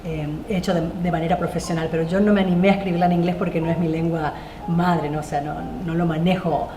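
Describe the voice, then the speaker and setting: Quick-paced and level, this low-leaning female voice belongs to a novelist guest, a native Spanish speaker, who answers panel questions with plenty of fillers and restarts. The echoey room adds faint noise.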